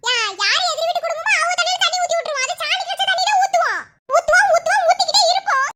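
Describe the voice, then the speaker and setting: A woman voicing a sharp-tongued young village wife in a cartoon, with a Madurai Tamil accent and a mocking, laughing way of talking. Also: very high-pitched, rapid-fire, heavy background noise. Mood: teasing. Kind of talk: cartoon voice acting.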